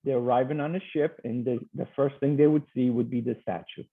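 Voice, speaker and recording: A Portuguese man teaches over a video call, his mid-range, steady voice coming through a thin, tinny line. Friendly but a little hesitant, he walks through his slides, filling pauses with plenty of ums.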